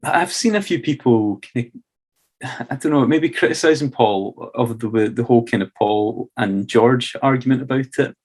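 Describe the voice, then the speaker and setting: A man's voice: medium pitch, normal speed, slightly rough. A Scottish man co-hosting a music podcast, talking in an easygoing way and hedging with "sort of" and "kind of". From Scotland. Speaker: podcast co-host. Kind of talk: casual chat.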